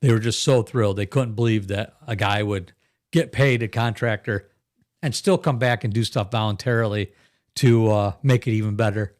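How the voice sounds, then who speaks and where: A man's voice: lowish voice, fairly even intonation, moderate pace, no room sound, clean studio sound. A middle-aged man hosting a live podcast stream in a rambling, chatty way, laughing often and reading viewer comments aloud. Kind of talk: casual live-stream chat.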